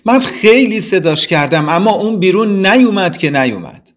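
A man's voice: high voice, big pitch swings, voice pushed up. A man voicing a worried young girl carrot in a children's storybook, calling out and tearful.

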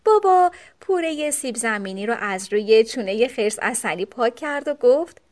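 A woman narrating a children's storybook aloud with expressive delivery. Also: fairly high pitch.

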